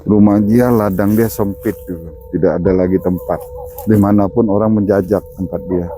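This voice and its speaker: A man's voice: on the low side, steady tone, normal speed, dark tone, faint music behind. A man, a spiritual healer, explaining on an outdoor ghost-hunting walk and commanding spirits sternly. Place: outdoors in a garden.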